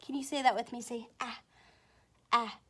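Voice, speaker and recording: A woman teaching a children's phonics lesson, speaking slowly and encouragingly and asking young learners questions directly. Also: a little high, flat delivery, slightly rough.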